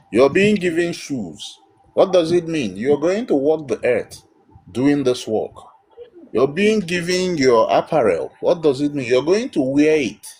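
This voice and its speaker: A man's voice: on the high side, a little mellow, breathy edge, poor audio. A man giving emphatic, blunt spiritual counsel as host of a live call-in.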